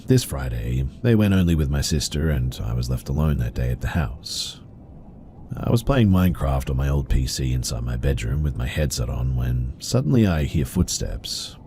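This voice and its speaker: Male horror narrator, extremely deep and mellow, calm scripted read. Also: a little hiss or hum. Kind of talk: scripted narration of reader-submitted stories.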